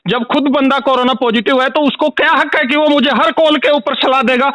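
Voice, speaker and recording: An angry man complaining loudly on a recorded phone call. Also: very high voice, fairly even intonation, a little fast, no echo. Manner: furious, ranting, repetitive. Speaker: angry caller.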